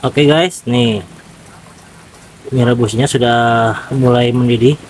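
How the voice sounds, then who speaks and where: A man's voice: mid-range voice, steady tone, slow pace, darkish tone, a little hiss or hum, poor audio. A man chatting casually as host of a cooking vlog, playful, often repeating himself and stumbling over words.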